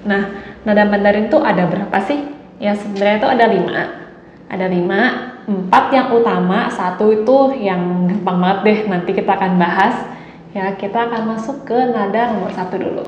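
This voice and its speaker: A young woman from Indonesia hosting a casual Mandarin lesson, chatting along and demonstrating tones with drawn-out syllables. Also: mid-range voice, a little mellow. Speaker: Mandarin teacher, channel host. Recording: slightly dull, roomy, faint hiss.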